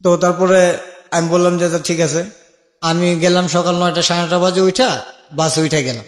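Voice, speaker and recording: His voice is high and his intonation fairly even as he speaks at a moderate pace. This young Bangladeshi man is an interview guest recounting his life in casual language, performing the conversations he remembers, radio-style. Long reverb makes the room sound echoey.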